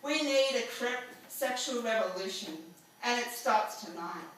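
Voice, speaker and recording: A woman performing a spoken-word poem live, defiant, crude and emphatic, now and then rising to shouts. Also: on the high side, lively intonation, a little slow, far from the mic, a little hiss or hum. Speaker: poet. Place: live event venue. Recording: echoey room, mic from afar.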